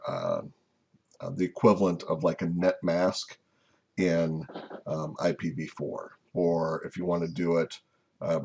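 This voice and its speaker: Deep, husky-voiced man lecturing slides. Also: muffled recording. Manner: unhurried, explanatory, frequent "uh" and "um" fillers. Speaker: instructor.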